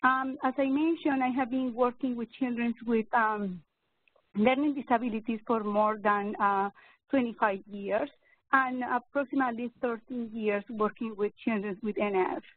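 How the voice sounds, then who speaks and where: A woman in her fifties, a neurologist giving an educational webinar talk, speaking slowly and hesitantly with many fillers and restarts. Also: on the high side, fairly even intonation, no room sound. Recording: narrow phone-like webinar audio, dry.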